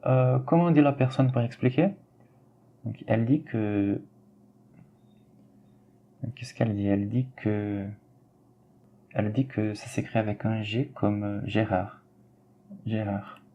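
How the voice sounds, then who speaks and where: A man teaching a French lesson, slowly and patiently repeating words for his students. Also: on the low side, mellow, dull audio, a little hiss or hum. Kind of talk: classroom explanation while writing on screen.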